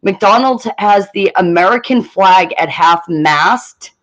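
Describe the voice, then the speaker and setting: Woman, relaxed and joking, casual co-host, slightly lo-fi recording. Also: mid-range voice, slow pace. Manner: laid-back, joking and amused. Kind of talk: casual chat.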